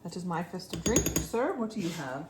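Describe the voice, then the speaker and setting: A woman's voice: fairly low pitch, big pitch swings, a little fast, very noisy. A woman chatting casually in a home vlog, describing food and drinks to the camera. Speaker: vlogger. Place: home indoors.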